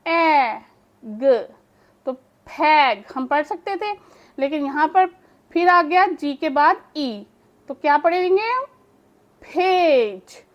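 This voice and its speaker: A woman's voice: high voice, lo-fi sound. A woman English teacher giving a phonics lesson, patiently explaining and repeating each word aloud for practice. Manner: patient explaining, mixes English words into speech.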